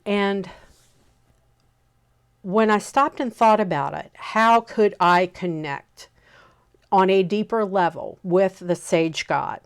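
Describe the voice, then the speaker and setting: Slow, smooth-voiced woman in her fifties. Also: medium pitch. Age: 50s. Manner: unhurried, pausing often with "um" and a checking "okay?". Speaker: host teaching on pagan practice. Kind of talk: casual spoken lesson.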